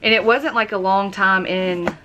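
A young woman chatting excitedly through a casual unboxing vlog at home. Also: mid-range voice, slight background noise. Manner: chatty and excitable, quick gasps of delight. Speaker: YouTuber.

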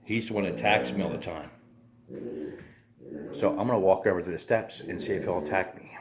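A man's voice: deep voice, brisk, noisy background. A man vlogging about his homestead chores in a casual, rambling, plainspoken way. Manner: laid-back, plainspoken, mild cursing.

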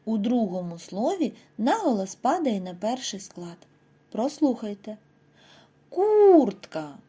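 A woman giving a scripted reading lesson to first graders, speaking clearly and stretching out example words slowly for the children. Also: medium pitch, sing-song, mellow. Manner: slow, over-articulated model words for children. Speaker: primary school teacher.

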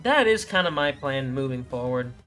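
A woman's voice: very deep voice, sing-song, moderate pace, a bit bright. A woman from Texas chatting casually while gaming, laid-back and mostly giving short replies. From Texas, USA. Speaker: co-host of a gaming stream. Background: game music.

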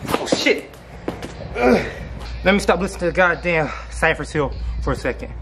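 A man's voice: on the high side, fast talker, fairly bright tone, faint music behind. A man filming himself skateboarding, out of breath, talking in a casual, joking, profane way. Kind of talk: casual vlog talk. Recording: outdoor noise with board clicks.

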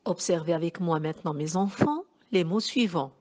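A woman's voice: fairly low pitch, expressive. A woman teacher giving a phonics lesson to young children, sounding out words syllable by syllable. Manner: slow, syllable-by-syllable dictation, addressing pupils warmly as children.

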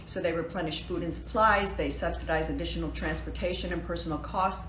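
An actress in her sixties hosts a birthday fundraiser livestream from her living room, chatting casually, joking and poking fun at herself. Her voice is fairly low. The phone is held at arm's length, giving a roomy home recording with background noise.

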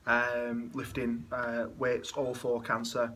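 A young man with a mid-pitched voice and a dry, teasing wit, chatting casually with his co-host. He is recorded in a gym with clear background noise all around him. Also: monotone, slow, fairly bright tone. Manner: dry, teasing one-liners. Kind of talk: casual chat.

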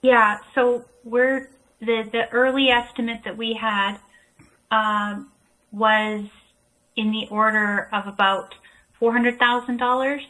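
A woman consultant at a town council meeting, explaining cost estimates in a measured way with fillers, heard over a remote call. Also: on the high side, flat delivery, a bit bright, rough recording. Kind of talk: meeting discussion.

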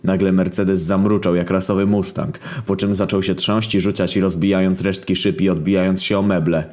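A man narrating a comic internet story in a deadpan, profane storytelling manner. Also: sits low, normal speed. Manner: deadpan storytelling, heavy swearing.

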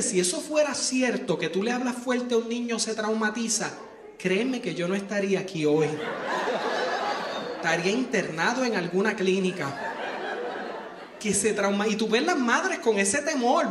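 High-voiced comic on stage. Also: male voice. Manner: animated storytelling, acting out whiny kids and a begging child. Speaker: stand-up comedian. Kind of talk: stand-up comedy set. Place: comedy stage before a live audience. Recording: echoey venue with audience noise. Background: audience laughter and crowd noise.

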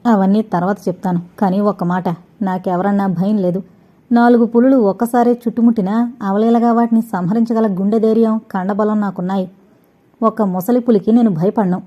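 A woman's voice: mid-range voice, fairly even intonation, fairly quick, dark tone, natural voice. A woman reading a bold teasing young lover. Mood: confident. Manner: playful, self-assured, teasing. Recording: dull lo-fi audio.

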